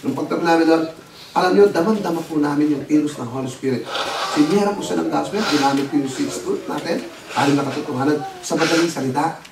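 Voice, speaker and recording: A man preaching as pastor, telling a story in an animated way and mixing in English words. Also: fairly high pitch, fast talker. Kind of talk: sermon. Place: church hall. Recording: echoey hall, distant mic, noisy.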